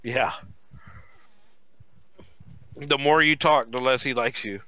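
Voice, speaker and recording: A man narrating as game master over an online call, taking his time and describing each detail at length. His voice is bright and clear, but the audio is dull and lo-fi with no room sound. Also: mid-range voice. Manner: descriptive and unhurried, with many fillers.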